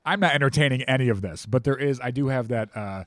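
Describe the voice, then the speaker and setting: A man's voice: medium pitch, quick pace, fairly bright tone, no echo, studio quality. A middle-aged man from the United States, a guest musician in a casual interview, speaking candidly and self-deprecatingly, often repeating words and trailing off. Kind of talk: casual conversation.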